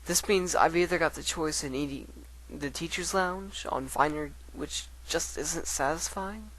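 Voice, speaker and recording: Man reading as an earnest bookish unicorn scholar, higher-pitched. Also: unhurried, fairly bright tone, low-quality recording. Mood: animated, enthusiastic. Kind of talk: dramatic reading of letters.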